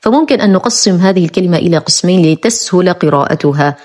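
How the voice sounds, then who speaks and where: A woman teaching Quran recitation, explaining errors clearly and slowing down sharply to model each word. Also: fairly low pitch, animated, darkish tone. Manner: clear, careful, slows sharply to model words. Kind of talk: instructional explanation with slow drawn-out recited examples.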